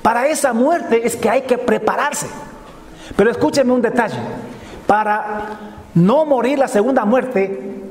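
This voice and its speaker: A man's voice: extremely high pitch, reverberant, in a large hall. A man preaching a sermon, emphatic and fond of repeating key phrases for effect.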